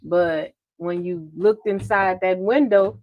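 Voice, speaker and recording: Woman, low pitch, earnest advice, preachy emphasis, dry close mic. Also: takes it slowly, a little mellow, dry recording. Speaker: podcast co-host. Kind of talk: casual advice chat.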